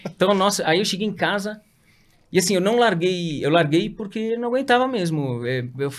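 A man's voice: high-pitched, expressive, fairly quick. A man, a guest telling his career story in a casual interview, slangy and self-deprecating with lots of fillers. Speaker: guest entrepreneur.

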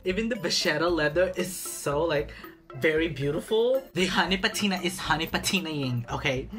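Loud music plays behind this young man's slightly high voice, which moves at normal speed. Unboxing a bag in his small apartment, the vlogger chats in a sassy, dramatic way and stretches words to stress them.

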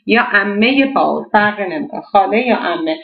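A woman's voice: mid-range voice, expressive, gravelly, echoey room, muffled recording. A woman teaching a language lesson, explaining an exercise step by step and often asking and answering her own questions. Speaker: German teacher.

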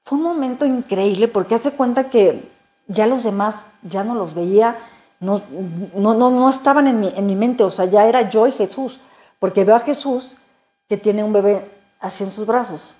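A woman telling her faith testimony in an interview, emotional and halting, often repeating words. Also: mid-range voice, dark tone. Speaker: interview guest.

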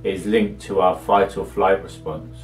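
Guiding a meditation calmly, the man keeps his low voice level with little pitch movement, leaving long gaps after each short instruction. He sounds echoey and far from the microphone, with soft music behind him.

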